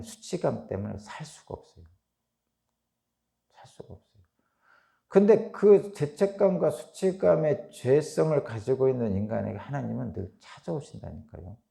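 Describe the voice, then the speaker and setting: A middle-aged male pastor delivers an early morning sermon in a warm, mellow voice with a gravelly edge. His pitch moves widely as he reads scripture and follows it with rhetorical questions. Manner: reads scripture aloud, then explains with animated rhetorical questions.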